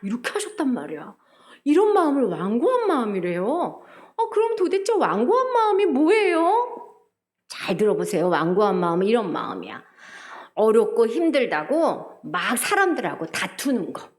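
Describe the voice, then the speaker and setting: Children's minister, woman, young adult; high, animated sing-song delivery that acts out voices. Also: moderate pace.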